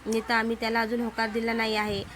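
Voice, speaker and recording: A woman's voice: fairly high pitch, completely flat delivery, brisk, a bit bright, slight background noise, close to an everyday voice. A woman voicing a modest, hesitant divorced woman who keeps turning down a proposal. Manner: hesitant, pleading.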